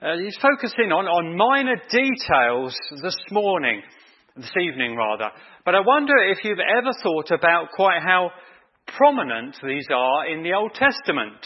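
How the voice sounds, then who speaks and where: A man's voice: high-pitched, sing-song, normal speed, slightly rough, dull audio. A man preaching an evening sermon in a chatty way, quizzing the congregation with questions.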